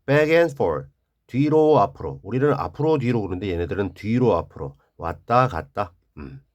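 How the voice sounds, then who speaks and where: A man's voice: fairly low pitch, expressive, a little mellow, highs cut off. A man teaching an English vocabulary lesson, reading each word and then explaining its meaning and stress. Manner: slow and drawn out, explaining stress and word forms.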